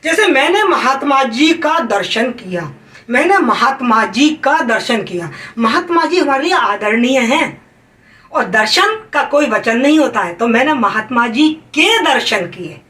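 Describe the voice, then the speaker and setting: A woman teaching grammar in an emphatic style, repeating each rule and checking whether the students have it clear. Her voice is high. She sounds set back from the mic in a roomy, echoing space. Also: big pitch swings, a little slow, a bit bright, far from the mic. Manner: calls students "beta". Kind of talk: exam-prep lesson.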